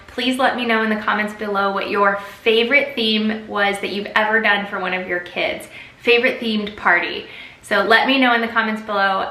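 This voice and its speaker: A woman's voice: medium pitch, sharp tone. A woman chatting casually to camera as a family vlogger, upbeat and chatty, recorded in a bathroom with heavy echo. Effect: strong room echo. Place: bathroom at home.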